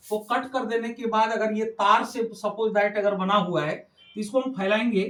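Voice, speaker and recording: A man's voice: high voice, a bit bright. A male math teacher explaining a geometry lesson to children, repeating points and calling on the kids again and again, with a Hindi accent. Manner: repetitive, addresses the kids constantly. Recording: roomy, from a distance.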